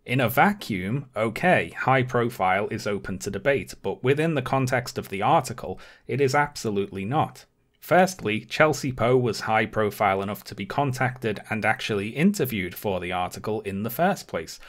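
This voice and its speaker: Indignant low-voiced man. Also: lively intonation, moderate pace, fairly bright tone. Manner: sarcastic, indignant, emphatic. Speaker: video essayist. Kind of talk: scripted commentary.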